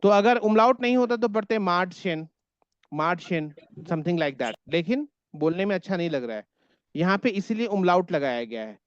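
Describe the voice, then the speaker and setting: A man's voice: high voice, animated, moderate pace, smooth, muffled recording. A man teaching a German class online in Hindi, patiently repeating words so his students can echo them.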